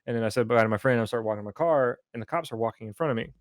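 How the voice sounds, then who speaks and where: A young man with a drawl talks at an ordinary mid pitch, winding through an anecdote with plenty of swearing. His sound is dry and close, with no room around it. It has the easy feel of a podcast chat. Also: very fast, no echo. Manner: rambling anecdotal storyteller, swears freely. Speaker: podcast co-host. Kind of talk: casual chat.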